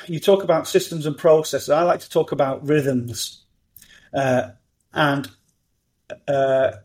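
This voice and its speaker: A middle-aged man, talking as a podcast guest in an animated, upbeat way. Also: on the high side. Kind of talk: conversational interview.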